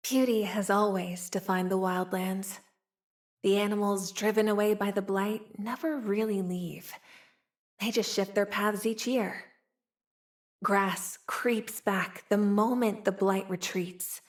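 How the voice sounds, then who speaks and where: In video game character voice lines, a young woman plays a frontier woman with a tail who is playful, streetwise and wry. Her mid-range voice stays close to an everyday voice, steady and slow. Sounding wistful and world-weary, she drawls, teases slyly and sighs between wry remarks.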